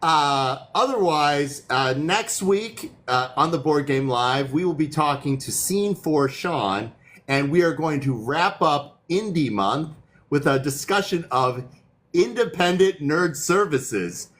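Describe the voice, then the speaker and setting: A man's voice: a little high, lively intonation, takes it slowly, fairly bright tone. A man hosting a livestream, chatting casually in a loose, easygoing way, with many fillers and restarts. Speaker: livestream host. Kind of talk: casual chat.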